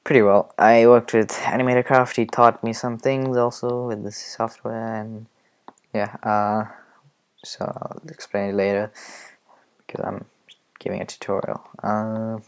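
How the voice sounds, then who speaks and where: A man giving a casual screen-recorded animation tutorial, rambling and hesitant, often muttering quiet asides to himself. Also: fairly low pitch, level tone, a little slow, clear, resonant tone.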